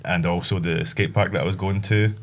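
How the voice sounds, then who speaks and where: A man's voice: deep voice, steady tone, brisk, a little hiss or hum. A man who is a guest on a podcast, telling stories in an easygoing, rambling way. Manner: rambling, easygoing, many fillers. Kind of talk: casual chat.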